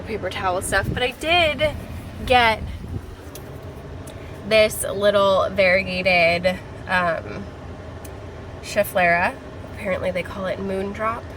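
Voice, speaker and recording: A woman hosting a casual plant-shopping vlog, talking in a chatty, informal, slangy way. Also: medium pitch. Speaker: vlog host. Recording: background music, fan or vehicle hum.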